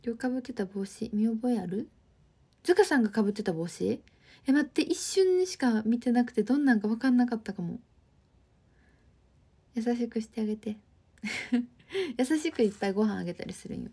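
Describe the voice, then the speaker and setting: A woman's voice: on the high side, animated, normal speed, long pauses, warm tone, breathy edge. A woman in her twenties with an Osaka accent, hosting a livestream and chatting friendly with viewers while reading their comments. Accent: Osaka dialect. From Osaka, Japan. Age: 20s. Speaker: livestream host.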